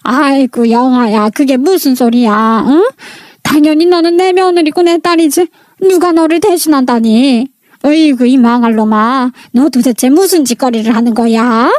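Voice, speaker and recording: A woman's voice: sits high, normal speed, darkish tone, no echo, studio quality, close to an everyday voice. A woman voicing a furious elderly mother-in-law who scolds bluntly and bosses everyone around. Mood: scolding.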